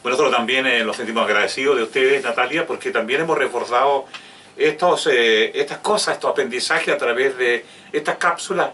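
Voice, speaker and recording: An older man hosting an interview, speaking haltingly with many fillers and addressing viewers directly. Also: mid-range voice, bright, forceful tone. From Chile. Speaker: host of community interview. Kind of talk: informal interview. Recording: distant mic with faint ambient noise.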